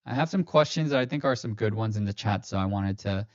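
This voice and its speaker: A man hosts a finance livestream in a fairly low, animated voice, talking fast and casually with many fillers and self-corrections. His stream voice sounds slightly robotic through the streaming mic, and the audio is dull, lo-fi, and dry with no echo.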